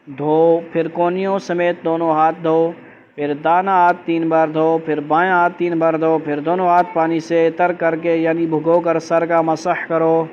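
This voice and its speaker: A man teaching a religious class step by step, giving firm instructions and often asking the students whether they understood. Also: fairly high pitch. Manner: keeps checking understanding with quick questions. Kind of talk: classroom lesson explaining ritual steps. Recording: dull lo-fi classroom recording with faint background hum.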